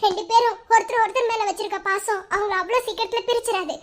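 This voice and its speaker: A woman's voice: very high voice, fairly even intonation, quick pace, voice pushed down. A woman voicing a young daughter-in-law who soothes and pleads with her elders, with a Madurai Tamil accent. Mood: pleading.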